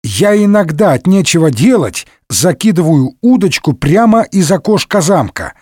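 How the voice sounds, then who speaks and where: A man's voice: high-pitched, sing-song, normal speed, darkish tone, no echo, clean studio sound, voice pushed up. A man voicing a cheerful, boastful old nobleman musketeer who tells tall tales in a parody audiobook. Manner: exclamatory, tall-tale bragging.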